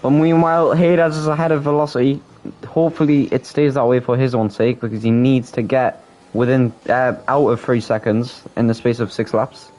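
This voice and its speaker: A man with a Geordie accent doing casual sim racing commentary, excitable and quick to restart his sentences. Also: medium pitch. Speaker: race commentator.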